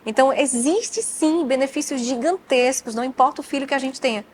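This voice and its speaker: A Brazilian woman with a slightly high voice chats animatedly as an interview guest, slipping into other people's voices as she recounts family moments. Faint background noise sits under her speech. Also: brisk. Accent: Brazilian Portuguese. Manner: animated storytelling, acts out family dialogue. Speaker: guest child psychologist. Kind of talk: casual interview talk.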